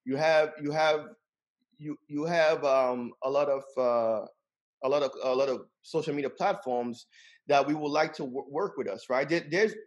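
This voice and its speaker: A man's voice: fairly high pitch, moderate pace. A middle-aged man speaking as a guest in a casual discussion, earnest, often repeating words as he builds a point.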